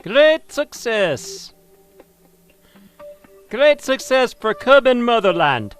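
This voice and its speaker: A man's voice: very high-pitched, big pitch swings, drawn-out words, a bit bright, soft background music, pitched above the performer's own voice, exaggerated voice. A man putting on a boastful Russian-accented engineer who speaks proud, broken English. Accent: put-on Russian.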